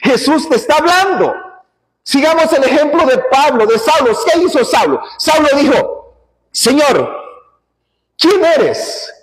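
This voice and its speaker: A man preaching a sermon with emphasis, repeating phrases and sometimes rising to shouts. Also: very high-pitched, normal speed, big-room sound.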